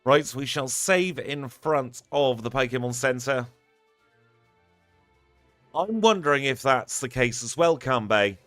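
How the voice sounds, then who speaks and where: A man's voice: medium pitch, animated, measured pace, pauses often, a bit bright, no room sound, faint music behind. A man wrapping up a live game stream, chatty and upbeat as he thanks his viewers one by one. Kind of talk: live stream sign-off chat.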